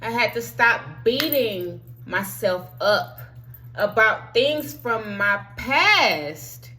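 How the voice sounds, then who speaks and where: An earnest woman speaks slowly and directly to her listeners as a spiritual life coach, her voice sitting a little high with a bright, forceful edge. She is encouraging and heartfelt, sometimes sinking to a soft near whisper. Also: expressive, faint music behind. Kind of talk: motivational monologue.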